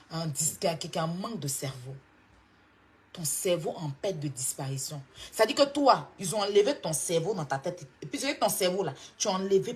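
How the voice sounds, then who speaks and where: A woman's voice: lowish voice, darkish tone. Ivorian woman, social media personality, heated scolding live rant, mocking and repetitive. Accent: Ivorian French. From Côte d'Ivoire.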